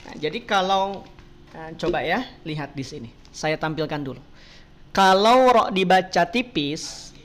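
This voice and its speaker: A woman teaches Quran recitation over a video call at an unhurried, careful pace. She patiently quizzes her students and models each sound for them. Her voice sits at an ordinary middle pitch. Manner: patient, asks students questions and models pronunciation. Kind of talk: online Quran reading class.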